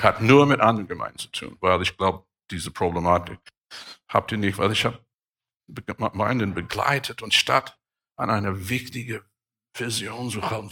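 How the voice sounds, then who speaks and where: Gravelly, bright-voiced male pastor preaching. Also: mid-range voice. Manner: emphatic preaching with sudden loud rises. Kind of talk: sermon.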